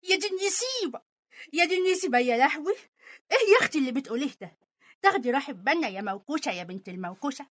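A woman's voice: sits high, very animated, racing, fairly bright tone, no room sound, studio quality. A woman playing a bossy, theatrical grandmother who scolds her family in an Egyptian accent. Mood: outraged. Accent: Egyptian Arabic.

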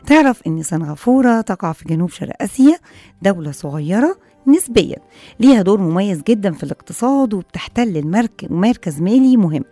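A woman with an Egyptian Arabic accent hosting a radio show, brisk, playful and chatty. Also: medium pitch, lively intonation, warm tone, no echo, faint music behind. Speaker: radio host. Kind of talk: upbeat radio presenting. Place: radio studio.

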